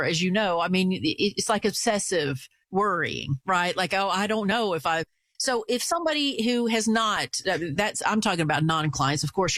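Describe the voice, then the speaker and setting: A woman's voice: mid-range voice, a bit bright, dry recording, clean studio sound. A woman hosting a radio talk show, chatty and upbeat as she questions her guest. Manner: chatty, upbeat, repeats phone number.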